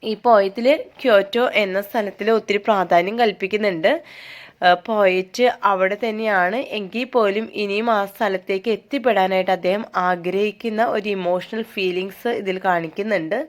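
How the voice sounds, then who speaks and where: A woman tutor giving an exam-prep lesson. She reads English notes slowly as if dictating, then explains them quickly in her own words with hesitant fillers. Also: mid-range voice, steady tone.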